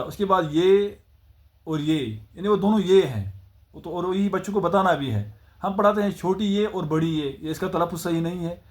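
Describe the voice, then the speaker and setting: A man with a Kashmiri accent teaching the Urdu alphabet, patiently sounding out each letter and explaining its pronunciation. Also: fairly high pitch. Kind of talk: spoken alphabet lesson.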